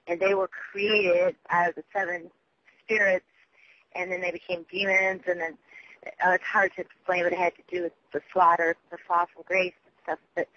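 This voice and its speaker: A man leaving a rambling voicemail message over the phone, halting, often losing his thread and swearing. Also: high-pitched, little pitch movement. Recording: dull lo-fi telephone voicemail recording.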